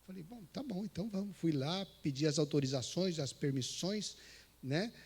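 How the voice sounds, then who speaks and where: Animated Brazilian preacher telling a story. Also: male voice, fairly high pitch, moderate pace, husky. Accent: Brazilian Portuguese. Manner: animated storyteller, acts out dialogue and scripture reading. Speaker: missionary preacher. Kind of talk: sermon with storytelling. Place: church.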